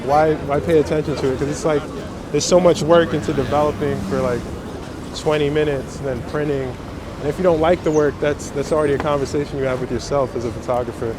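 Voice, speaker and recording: Speaking fast in a steady, slightly high voice, a twenty-something man from Brooklyn talks through an interview about his street photography, keeping it casual, reflective and slangy. The setting is a loud outdoor city street full of traffic and vehicle sounds.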